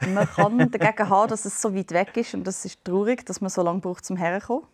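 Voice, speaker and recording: A woman's voice: mid-range voice, steady tone. Teasing woman. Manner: teasing, quick mock-indignant comebacks. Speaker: podcast co-host. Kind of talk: casual banter.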